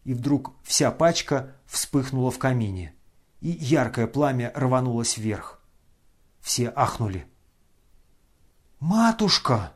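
A man reading a classic novel aloud as an audiobook narrator, in measured, expressive storytelling. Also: medium pitch.

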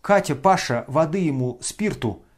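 A man's voice: a little high, lively intonation, normal speed. A man voicing an imperious mocking young woman. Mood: commanding. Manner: commanding, taunting shouts.

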